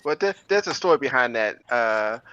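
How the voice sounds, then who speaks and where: A man telling a story in an animated way, with many stammering restarts. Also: mid-range voice, normal speed. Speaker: paranormal investigator. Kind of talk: casual storytelling. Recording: dull dry close sound.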